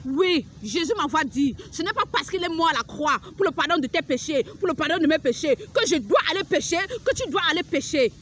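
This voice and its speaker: Very high-voiced, fervent preaching woman. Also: expressive, a little fast, hardly any pauses, fairly bright tone, a little hiss or hum. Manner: fervent and scolding, repeating phrases and firing rhetorical questions. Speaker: preacher delivering a prophetic message. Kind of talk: impassioned outdoor preaching to camera. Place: outdoors at a beach.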